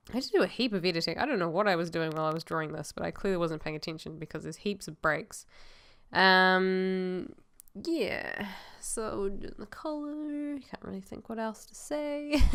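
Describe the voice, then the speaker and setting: A woman's voice: medium pitch, clean tone. A woman giving casual, rambling voice-over commentary as a vlog host, hesitant and sounding a little congested and choked up with a cold.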